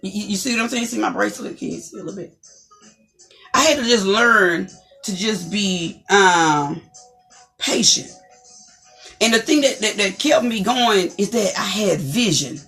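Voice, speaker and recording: Woman co-host, inspirational faith chat, animated and emphatic, mid-pitched, faint music bed. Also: normal speed, gravelly. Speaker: talk show co-host.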